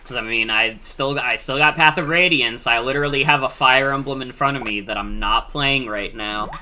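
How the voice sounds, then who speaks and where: Excitable young man with a very bright voice. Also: medium pitch, moderate pace, slight background noise. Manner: excitable, swears freely. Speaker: streamer. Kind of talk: casual game-stream chat.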